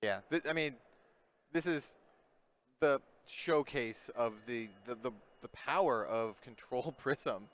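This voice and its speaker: Laughing male color commentator, smooth voice. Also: mid-range voice, slow pace. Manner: laughs often, agreeable, adds analysis. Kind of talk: esports card game commentary.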